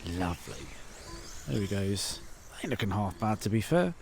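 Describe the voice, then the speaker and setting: A man's voice: on the low side, big pitch swings, moderate pace, creaky, a little mellow. A man chatting casually as he films remote control car racing outdoors at a track, thinking aloud as he goes. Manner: chatty, informal, thinking aloud while filming. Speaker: RC channel host at a race track. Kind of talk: casual vlog commentary. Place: outdoor RC race track in the evening. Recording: noisy outdoor camera audio. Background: RC cars and track ambience.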